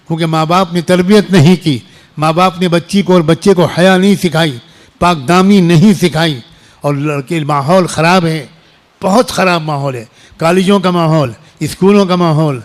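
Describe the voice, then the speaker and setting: Male preacher, middle-aged, somewhat high pitch; emotional, repetitive, pleading sermon delivery. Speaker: Islamic preacher. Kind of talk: emotional sermon to young people.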